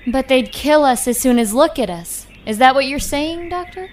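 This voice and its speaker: An actress in an audio drama playing a curious, sceptical young feline alien companion, plain-spoken and dry. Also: female voice, sits high, expressive, moderate pace, noisy background.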